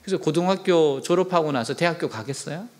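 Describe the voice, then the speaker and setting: Animated preaching man with whispered asides. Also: fairly high pitch, fast. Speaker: professor preaching to an audience. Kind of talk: sermon with storytelling.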